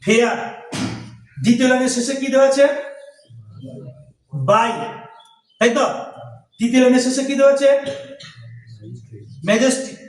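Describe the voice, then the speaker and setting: A very high-voiced male teacher with a Bengali accent walks through a lesson, putting questions to the class and then answering them himself. He sounds set back from the mic in an echoey room. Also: steady tone, moderate pace, pauses often, distant mic. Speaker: English teacher. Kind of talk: classroom lesson explaining rhyme scheme.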